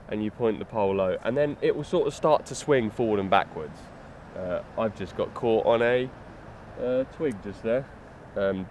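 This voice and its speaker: A young man giving a lakeside fishing tutorial, explaining steps in a relaxed way with fillers as he handles his gear. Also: lowish voice. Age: young adult. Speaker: fishing instructor. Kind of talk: outdoor tutorial demonstration. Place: lakeside outdoors. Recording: faint outdoor noise.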